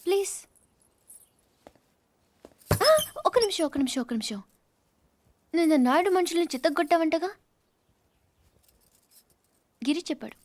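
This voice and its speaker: An actress playing a spoilt, quarrelsome young woman who taunts and complains loudly in a film comedy scene. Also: extremely high pitch, animated, brisk, pauses often. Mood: teasing. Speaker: film character.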